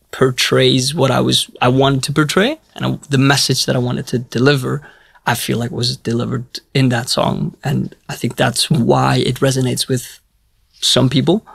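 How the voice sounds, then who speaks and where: A man's voice: mid-range voice, flat delivery, measured pace, gravelly, fairly bright tone, slightly rough, no echo. A young man from Iceland, a musician talking in an interview in a hesitant, reflective way with many restarts. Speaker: musician guest. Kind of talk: casual interview talk.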